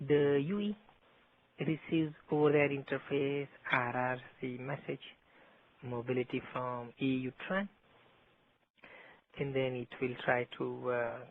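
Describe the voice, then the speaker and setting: A man of middling pitch teaches a technical class, walking through each step in a methodical way. His voice comes through a landline phone, tinny and narrow. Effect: heard over a landline phone. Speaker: instructor. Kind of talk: technical training lecture.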